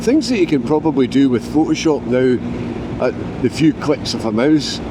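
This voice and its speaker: Casual male motovlogger, middle-aged, medium pitch, speaking inside a motorcycle helmet over clear engine and road noise, chatty and self-effacing. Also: very animated, moderate pace. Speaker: motorcycle vlogger. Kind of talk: casual rambling monologue to camera while riding. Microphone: mic inside motorcycle helmet.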